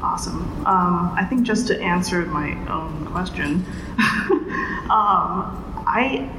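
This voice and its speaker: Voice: mid-range voice, takes it slowly. A panel moderator from Indonesia, friendly and chatty, putting questions to the panel. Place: hotel meeting room with audience. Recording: echoey hall, background noise.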